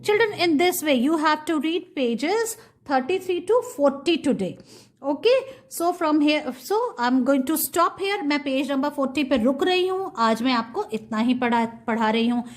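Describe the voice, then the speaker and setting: Slow, high-voiced Indian woman teaching. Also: lively intonation. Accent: Indian English. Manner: slow, spelling out words letter by letter and explaining in Hindi. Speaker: kindergarten teacher. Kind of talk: online English lesson.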